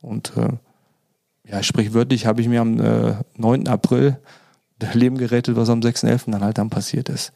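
A man's voice: medium pitch, flat delivery, moderate pace, creaky, mellow, dry recording, studio quality. A man tells a personal story as a podcast guest, informal, with many fillers and acted-out quoted dialogue.

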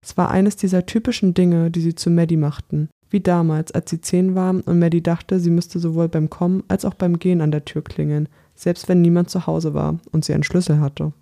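Measured, dark-toned thriller narrator. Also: medium pitch, level tone, gravelly. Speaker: audiobook reader. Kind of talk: audiobook reading of a thriller.

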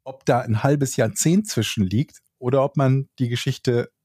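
A man's voice: medium pitch, measured pace, mellow, husky, no echo, clean studio sound. A man co-hosting a casual podcast, who teases his friends and argues in long, wordy sentences. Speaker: podcast co-host. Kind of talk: casual chat.

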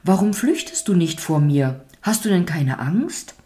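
A grey, sighing spirit of sadness speaks hesitantly and quietly, as a woman puts her on in a storybook reading. The voice sits low with a soft, dark tone. She sounds worn down and mistrustful. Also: big pitch swings, measured pace. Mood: brittle.

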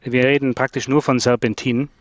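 A man's voice: medium pitch, flat delivery, fairly quick, dry recording, lo-fi sound. A man explaining trailer brakes in a podcast conversation, thoughtful and technical, with frequent fillers and repeated words. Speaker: trailer brake expert guest.

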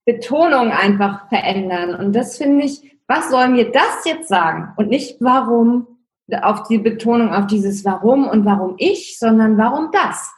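A woman's voice: fairly high pitch, lively intonation, a little slow. Reflective woman in a roomy space. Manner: reflective, thinking aloud with many fillers. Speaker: interview guest. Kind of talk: casual conversation. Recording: roomy echo.

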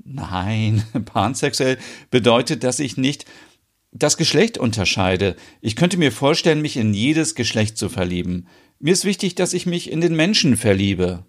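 A man's voice: mid-range voice, expressive, measured pace. A man voicing a frank, open young Swedish woman in an audio soap, explaining earnestly.

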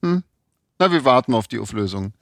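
Gravelly man musing casually. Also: mid-range voice, a little fast, no echo, studio quality. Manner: relaxed, musing, frequent short agreements. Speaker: podcast co-host. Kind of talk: casual chat.

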